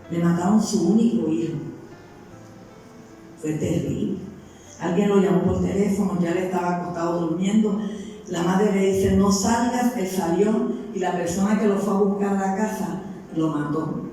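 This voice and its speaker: Woman pastor, earnest sermon, mellow voice, roomy church echo, heard from a distance, faint music behind. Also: lowish voice. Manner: earnest, personal storytelling; addresses listeners as brother. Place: church sanctuary with congregation. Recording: echoey hall from far off, faint music.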